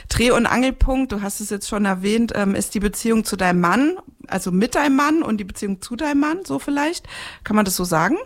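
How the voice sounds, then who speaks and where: A woman's voice: medium pitch, expressive, a little fast. Woman interviewer asking questions. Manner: prompting questions, friendly and curious. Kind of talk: interview conversation.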